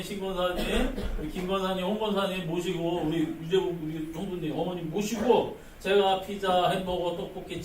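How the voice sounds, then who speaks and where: Male pastor, lively sermon with playful questions to the pews; high, bouncy pitch; roomy sanctuary, distant mic. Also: slight background noise. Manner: animated, playful, asks congregation questions. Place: church sanctuary.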